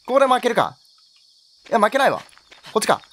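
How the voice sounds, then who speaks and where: Jumpy, wildly animated male game commentator. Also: very high voice, brisk. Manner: jokey, yelps and exclaims at scares. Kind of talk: horror game let's play commentary.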